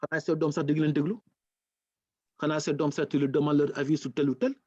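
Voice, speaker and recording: A man from Senegal with a Senegalese accent, a lecturer speaking as a talk-show guest and telling stories with animated, acted-out dialogue. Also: on the high side, fast, husky, no echo, highs cut off. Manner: animated storyteller, acts out quoted dialogue. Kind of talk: casual talk-show conversation.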